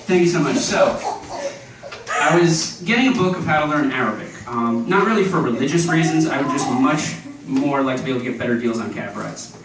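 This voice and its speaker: A man doing a stand-up comedy set, delivering deadpan one-liners and chuckling at his own jokes. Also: medium pitch, a little fast. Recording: echoey club audio from a distance. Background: audience laughter and room noise.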